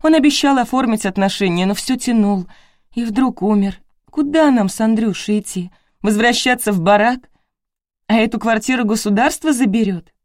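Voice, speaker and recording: A woman reading an audiobook, voicing a tearful, distraught young widow who pleads in a high, strained voice. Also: normal speed, darkish tone, no echo, studio quality, close to an everyday voice. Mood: tearful, desperate.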